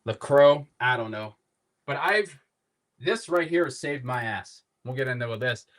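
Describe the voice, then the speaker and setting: A man's voice: mid-range voice, lively intonation, measured pace, sharp tone. A man with a Pittsburgh accent hosting a casual live cooking demo from his home kitchen, rambling loosely and swearing offhand. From Pittsburgh area. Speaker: cooking livestream host.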